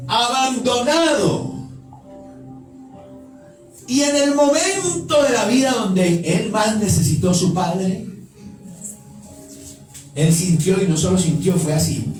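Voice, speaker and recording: High, animated preacher man. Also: slow, long pauses. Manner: emphatic, questions the congregation directly. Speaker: pastor. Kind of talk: sermon. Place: church. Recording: echoey hall, distant mic, music behind.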